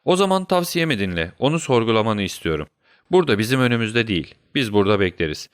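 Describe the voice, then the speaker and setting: A man voicing a sharp, commanding middle-aged detective who gives brisk orders in a storybook reading. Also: on the low side, very animated, clear, resonant tone, no echo, clean studio sound. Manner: brisk and directive.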